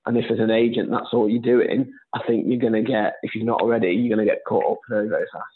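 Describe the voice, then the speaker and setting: A man's voice: fairly low pitch, steady tone, fast talker, slight background noise. A man, an estate agent, chatting as a podcast guest in a rambling, conversational way. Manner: chatty, rambling, with frequent fillers and restarts. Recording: phone-like remote call audio.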